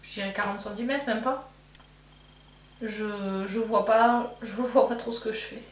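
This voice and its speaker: A woman's voice: mid-range voice, fairly even intonation, a little slow, recorded from a distance. A woman vlogger chatting casually while doing her makeup, thinking aloud with fillers and restarts. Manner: rambling, thinking aloud with many fillers and self-corrections. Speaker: beauty vlogger. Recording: echoey room, voice from off-mic, faint hum.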